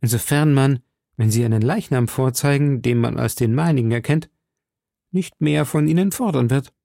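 A man's voice: medium pitch, moderate pace, gravelly, warm tone, no echo, clean studio sound, lightly acted. A man reading an audiobook, voicing a captive noblewoman who pleads fervently and passionately. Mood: pleading. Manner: impassioned, pleading.

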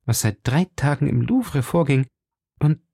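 A man's voice: mid-range voice, lively intonation, unhurried, gravelly, dark tone, slightly rough, no echo, studio quality, voice pushed up, heavily acted. A man voicing a frightened young woman in hiding, pleading urgently with her rescuer in a raised voice. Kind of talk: audiobook character voice.

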